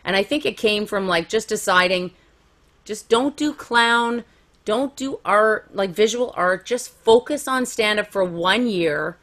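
A woman comedian in her forties talks candidly about her career at an even, middling pitch. She is frank and self-mocking, laughs easily, and breaks into quick, animated bursts. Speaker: comedian guest. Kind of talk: candid conversational storytelling.

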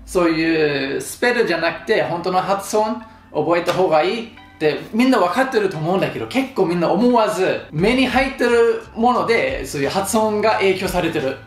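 A man's voice: high-pitched, animated, fairly quick, few pauses. Chatty man with a roomy echo. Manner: chatty, joking, mildly exasperated. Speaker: YouTuber giving English pronunciation tips. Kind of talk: casual vlog talk to camera. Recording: roomy echo with faint music.

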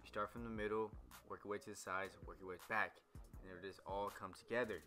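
Young man, barber, casual tutorial voice-over, bright tone, rambling with fillers, faint music behind. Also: on the low side, fairly even intonation, a little fast. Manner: loose, rambling, many fillers.

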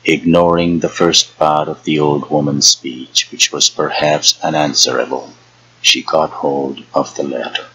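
A man narrating a storybook chapter in a measured, deliberate way. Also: rumbling low, level tone, pushed and bright, a little hiss or hum, rough recording. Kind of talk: storybook reading.

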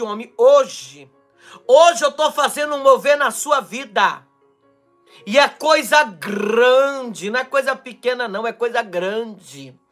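On a live stream, a Brazilian preacher speaking Brazilian Portuguese delivers a charismatic, prophetic sermon at an extremely high pitch. He swings between loud, fervent cries and quiet asides, and his voice sounds strained from shouting.

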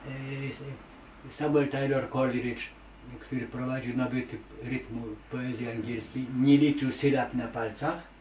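A man's voice: mid-range voice, level tone, measured pace, darkish tone, distant mic. A man talking emphatically and rambling a bit, stumbling over fillers and repeating himself for emphasis. He sits some way from the microphone in an echoey room. A faint hiss of noise runs underneath. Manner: emphatic, digressive, with many hesitations and repeated "nie". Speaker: artist interviewed as award laureate. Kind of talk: conversational interview answers.

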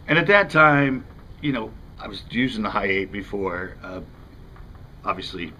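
Outdoors in front of a house window, a middle-aged American man in his fifties hosts a fishing channel, talking casually to camera in a rambling, conversational way. His voice is on the low side and a little slow, heard over music in a low-quality recording.

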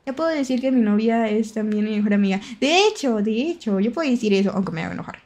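Mexican vtuber girl, kinda high voice, giggly and jumpy, chatting w chat during horror game. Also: animated, quick pace, a little mellow. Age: young adult. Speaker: VTuber streamer.

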